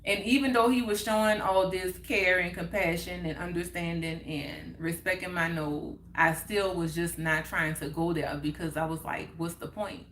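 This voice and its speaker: A woman hosting a casual chat, telling a personal story in an animated way, repeating phrases for emphasis and acting out what others said. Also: lowish voice, normal speed, hardly any pauses, reverberant, a little hiss or hum. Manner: animated, acts out others' words in quotes. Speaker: livestream host.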